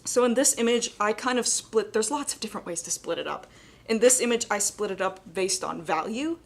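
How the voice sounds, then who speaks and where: A young adult woman teaches a live painting demonstration in a brisk, expressive, creaky voice of medium pitch with a slight crack. As instructor she's chatty and informal, filling her speech with "like" and "kind of."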